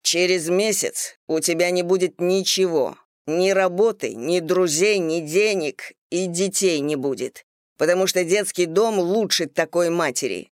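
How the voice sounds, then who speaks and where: A narrator voicing a cruel, contemptuous man berating a woman, slow and harsh. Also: mid-range voice, big pitch swings, clean tone, dry recording, studio quality, full character voice. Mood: scornful.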